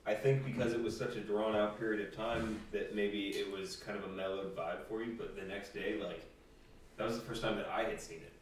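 A man's voice: on the low side, fairly even intonation, fairly quick, very echoey, distant mic, a little hiss or hum, rough recording. A man chatting casually on a podcast, hedging his words thoughtfully. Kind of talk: casual chat.

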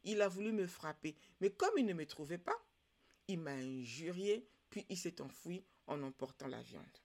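A woman voicing a tiny magic fetish spirit in a folktale, speaking in a sharp, accusing way. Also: fairly low pitch, sing-song, moderate pace. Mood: reporting.

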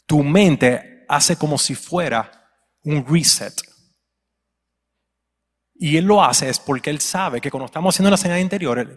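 A man preaching a Sunday sermon in a church, telling stories with humor and building to loud, emphatic peaks. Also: fairly high pitch. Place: church sanctuary. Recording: long hall reverb.

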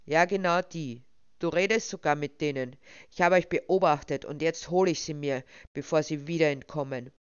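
A woman reading a storybook and voicing a hostile young man who hisses threats, speaking lower and louder than her narration. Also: moderate pace, smooth, no echo, muffled recording, lightly acted. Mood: snarling. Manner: snarling, threatening. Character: rough young man, hostile hunter type.

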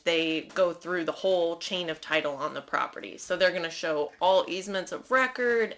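A woman guest on a podcast, explaining her work step by step in a friendly, easygoing way. Her voice is bright and sits slightly low. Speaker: guest, title company escrow officer. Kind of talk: explaining in a casual interview.

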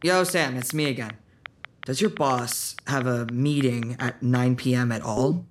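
A performer voicing an anxious, guilt-ridden young male vampire fledgling in an audio drama, earnest and quick to worry. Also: mid-range voice, slight background noise, close to an everyday voice.

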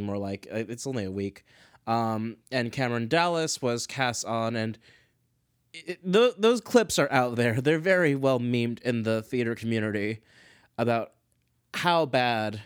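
A man's voice: medium pitch, dry recording, clean studio sound. A man hosting a casual solo commentary show, chatty and self-deprecating, wandering off on tangents. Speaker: podcast host.

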